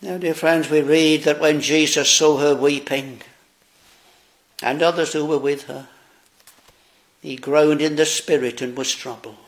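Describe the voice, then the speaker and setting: Man preaching slow and solemn, kinda gravelly, voice sits a bit high. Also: steady tone. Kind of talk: sermon.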